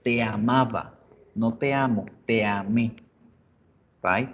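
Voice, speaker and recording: A male English teacher giving an online class, explaining grammar in Spanish and slowly repeating English examples. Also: on the low side, steady tone. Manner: calls students "chicos", jokes in class. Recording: muffled video-class audio, faint hiss.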